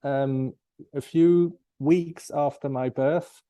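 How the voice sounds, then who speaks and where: A man, giving formal, measured answers as an interview guest. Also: on the high side, fairly even intonation, mellow, no echo. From German-speaking Switzerland. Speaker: guest, compliance expert.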